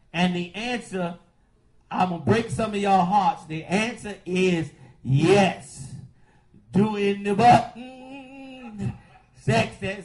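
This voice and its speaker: A man hosts a call-in radio show in the manner of a preacher. His voice sits fairly high, and he stretches out key words with slow, emphatic weight. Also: low-quality recording. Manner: preachy, drawn-out emphatic delivery.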